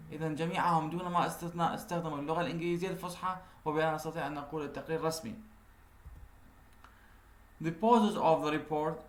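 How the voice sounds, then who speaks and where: A male university lecturer from Iraq, giving a recorded lecture, reading slowly in English and then explaining at length. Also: fairly high pitch. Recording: echoey room with faint noise.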